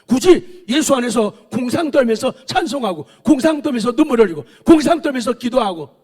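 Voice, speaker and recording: A man's voice: very high-pitched, lively intonation, brisk, a little mellow. A man preaching who voices a scornful, coaxing devil tempting a believer. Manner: taunting, coaxing. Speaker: pastor. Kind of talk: sermon.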